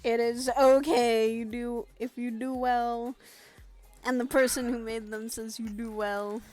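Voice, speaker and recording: A woman with a slightly high voice, laughing often and reassuring her friend in a loose gaming chat. Faint music plays in the background. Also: flat delivery, a little slow, a little mellow, rough recording. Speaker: fellow roleplayer.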